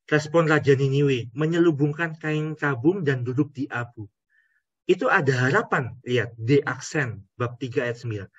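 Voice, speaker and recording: Husky-voiced priest teaching Scripture. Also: male voice, mid-range voice, moderate pace, no echo, dull audio. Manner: asks rhetorical questions, addresses the audience directly. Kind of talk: conversational Bible teaching.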